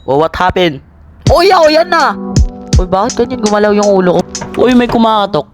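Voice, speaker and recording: Young Filipino male gaming host with a very high voice, excitable and playful, over faint game music. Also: brisk. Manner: excitable, playful, switches between Tagalog and English. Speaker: gaming content creator. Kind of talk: casual gameplay commentary.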